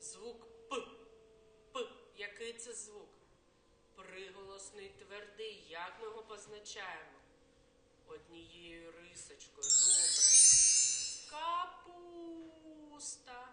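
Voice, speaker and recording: A woman kindergarten teacher giving a slow, coaxing early literacy lesson to young children. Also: mid-range voice, steady tone, a bit bright. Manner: slow, sing-song, coaxing teacher talk. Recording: echoey room with faint noise.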